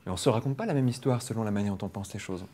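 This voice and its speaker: A man leading a public hypnosis demonstration, explaining quickly and playfully to a live audience. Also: on the low side, warm tone. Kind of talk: lively teaching talk to a live audience. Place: training room with an audience.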